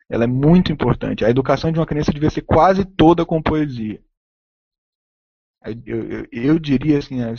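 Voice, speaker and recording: Male lecturer, mid-pitched, emphatic and opinionated, lo-fi dry sound. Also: a little mellow, no room sound. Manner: emphatic, checks in constantly with tag questions. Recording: dull, dry lo-fi recording.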